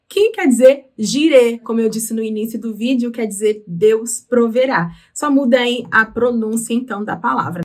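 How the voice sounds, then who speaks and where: A woman with a Brazilian Portuguese accent teaching English through song lyrics, explaining patiently and slowing down on words. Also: fairly high pitch. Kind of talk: explaining lyrics in a language lesson.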